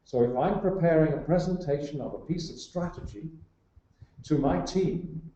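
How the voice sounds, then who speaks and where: A man's voice: a little high, dark tone. A man speaking as a guest on leadership, building emphatic lists of examples with some fillers. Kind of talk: explanatory talk. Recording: roomy, muffled sound.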